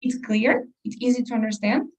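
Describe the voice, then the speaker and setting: A woman's voice: fairly high pitch, a little fast, darkish tone, recorded from a distance, rough recording. A woman teaching an English test-prep class, explaining step by step and putting questions to her students. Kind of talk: class lesson.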